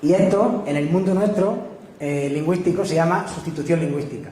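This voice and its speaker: Guy giving a talk, kinda high mellow voice, big echoey hall. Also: a little fast, a little hiss or hum. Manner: storytelling, keeps asking "¿no?" to the audience. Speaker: speaker at a public talk on local speech. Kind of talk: public talk, anecdotal. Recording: echoey hall, faint room ambience.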